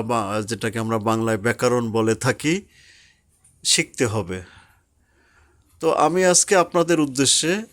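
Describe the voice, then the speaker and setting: A man teaching Quran recitation rules patiently, drawing out the example words slowly. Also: medium pitch, fairly bright tone. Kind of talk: slow explanatory tajweed lesson.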